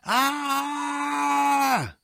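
A man voicing a young male cavalry officer in anguished despair, shouting and crying out in an audiobook reading. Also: extremely high pitch, drawn-out words, vocal fry, no echo, studio quality, voice pushed up, full character voice.

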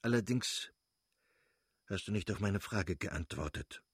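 A man voicing an earnest, shy young male landowner in a read-aloud novel, blunt and easily flustered, with a husky voice. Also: sits low, measured pace, no room sound, clean studio sound, full character voice.

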